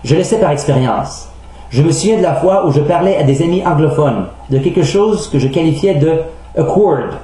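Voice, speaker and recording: A man with a Québécois French accent, a native French speaker teaching English pronunciation in a scripted lesson, speaking slowly and carefully. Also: fairly high pitch, mellow. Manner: slow, careful, enunciating word examples. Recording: very echoey room, faint hum.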